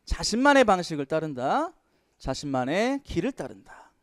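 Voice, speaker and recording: A male English teacher giving an exam prep lecture, lively, asking questions and answering them himself. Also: on the high side, normal speed, dry recording, studio quality.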